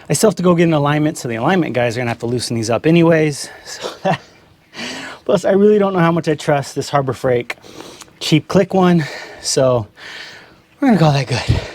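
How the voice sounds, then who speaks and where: A man chatting casually while working on a truck in his garage, laughing often and a bit out of breath. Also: fairly high pitch. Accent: Californian English. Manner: chatty, laughs often, calls viewers guys. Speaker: garage vlogger. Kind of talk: casual how-to narration. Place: home garage.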